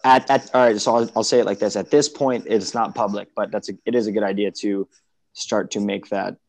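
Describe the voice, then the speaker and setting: Low-voiced man presenting at a meeting. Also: fairly even intonation, darkish tone, dry recording. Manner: halting, with many restarts and fillers. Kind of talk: casual online meeting talk.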